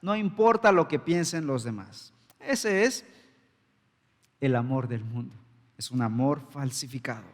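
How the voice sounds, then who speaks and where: A man's voice: mid-range voice, animated, unhurried, pauses often, long reverb tail. A man preaching a sermon as pastor, emphatic and full of rhetorical questions, recorded in a church sanctuary.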